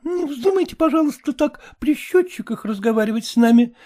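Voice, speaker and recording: A reader playing a young woman, early twenties, affected, complaining, high pitched. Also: lively intonation, a little fast, warm tone. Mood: prim. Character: pert young unmarried daughter, early twenties.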